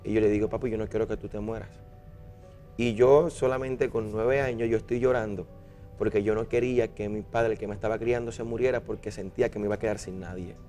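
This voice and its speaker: A young Puerto Rican man, a minister, telling his life story in an interview, earnest and halting with many restarts. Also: on the low side, fairly even intonation, warm tone, soft background music. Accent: Puerto Rican Spanish. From Puerto Rico. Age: young adult. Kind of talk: personal testimony interview.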